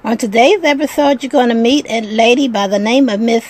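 A woman's voice: a little high, a little fast, darkish tone. A woman host introducing a comedy sketch in an announcer-like manner. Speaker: show host.

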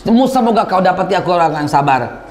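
A man preaching a lively sermon, animated and acting out quoted voices in local slang. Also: high-pitched, fairly quick, big-room sound.

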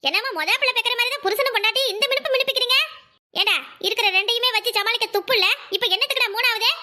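A woman's voice: very high-pitched, steady tone, rapid-fire, full character voice. A woman doing a nagging mother-in-law. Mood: scolding. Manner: sharp, nagging, sarcastic. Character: scolding older village mother-in-law. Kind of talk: cartoon voice acting.

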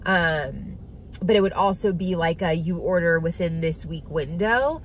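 A woman's voice: fairly low pitch, unhurried, low-quality recording. A woman, chatting casually to her viewers while she drives, with lots of ums and likes. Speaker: vlogger. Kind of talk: casual car chat. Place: inside a car. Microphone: phone camera on dashboard. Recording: phone recording in a moving car with road noise. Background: car and road noise.

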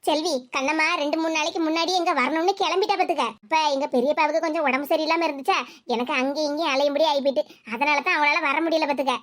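A woman's voice: sits high, steady tone, rapid-fire, fairly bright tone, voice pushed down. A woman voicing a bossy middle-aged sister-in-law in a cartoon, talking in a complaining, matter-of-fact way with a Kanyakumari Tamil accent.

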